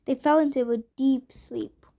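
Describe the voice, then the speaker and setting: A woman narrating a bedtime story for children in a gentle, deliberate way. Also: sits high, fairly even intonation, vocal fry. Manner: slow, gentle, deliberate reading.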